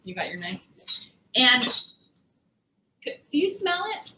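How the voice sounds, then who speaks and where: A woman's voice: on the high side, very animated, slow, bright, forceful tone. Chatty woman nutrition coach in a roomy space. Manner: chatty, laughs often, says "like" a lot. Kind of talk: casual cooking demo chat. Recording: echoey room.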